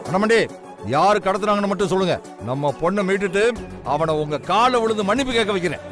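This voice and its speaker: A man's voice: high-pitched, fast talker, a bit bright, faint music behind. An actor playing a showy village man who fawns over visitors and boasts of his family's power in a TV serial. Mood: fawning. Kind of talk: TV serial acting.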